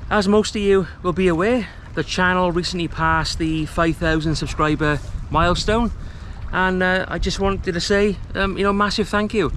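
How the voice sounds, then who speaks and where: Man in his thirties, fairly high voice, easygoing chatty fishing vlogger, outdoors by the water, faint wind noise. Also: normal speed, few pauses. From Wales. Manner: relaxed, chatty, self-deprecating. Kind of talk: casual talk to camera. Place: outdoors on a rocky estuary shore. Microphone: camera mic, close framing.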